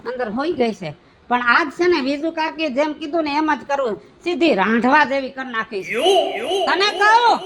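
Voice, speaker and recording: A man's voice: very high voice, fairly quick, very noisy. A man playing a meek nephew who does the housework and complains about his wife in a comedy skit. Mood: complaining.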